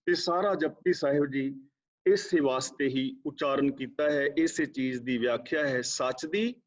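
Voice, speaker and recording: A man giving a scripture exposition class, chanting verses slowly and explaining them in a measured way. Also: fairly high pitch. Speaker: Sikh scripture teacher. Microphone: video call. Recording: dull lo-fi online class audio.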